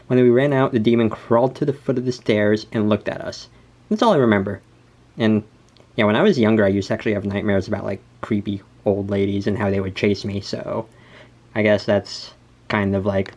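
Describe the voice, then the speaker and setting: Low-pitched young man, chatting casually. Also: darkish tone. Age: young adult. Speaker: video creator. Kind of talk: casual rambling chat, reading out journal entries.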